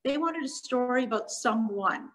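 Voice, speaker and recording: A woman's voice: a little high, animated, rough recording. Middle-aged woman presenting on a video call. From Canada (Montreal), born in Hungary. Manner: warm explanatory talk with frequent ums and pauses. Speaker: children's author giving a talk. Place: living room at home. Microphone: laptop webcam on a video call.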